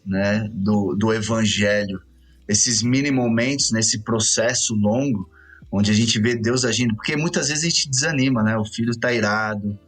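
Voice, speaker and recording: A man with a Brazilian Portuguese accent, a pastor co-hosting a podcast, reflecting calmly in casual chat and often tagging his sentences with "né". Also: on the low side. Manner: reflective, frequent "né" tags.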